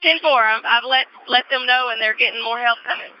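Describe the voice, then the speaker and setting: A woman's voice: a little high, brisk, background noise. A woman police officer making clipped radio calls with radio codes, heard over a two-way police radio. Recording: muffled dry radio audio.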